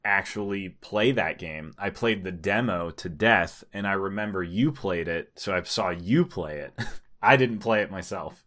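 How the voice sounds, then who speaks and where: A man's voice: deep voice, measured pace, a bit bright. A man co-hosting a podcast, mostly chiming in with short agreeing replies. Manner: brief agreeing interjections. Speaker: podcast co-host. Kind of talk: casual chat.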